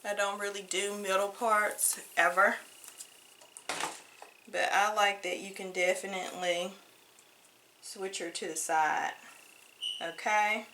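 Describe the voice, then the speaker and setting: A woman talks her viewers through a new wig in her room at home. Her voice is bright and forward, and her pace is slow and easy. She drawls her compliments and keeps calling her audience honey. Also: mid-range voice, steady tone, a little hiss or hum. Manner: chatty, drawls praise, calls viewers honey. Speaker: wig reviewer. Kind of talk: casual product review vlog. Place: home room with wigs on floor.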